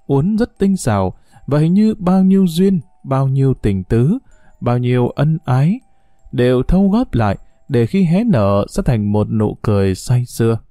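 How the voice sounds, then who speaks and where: A man narrating a novel in an expressive, dramatic audiobook reading. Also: medium pitch, dry recording, studio quality.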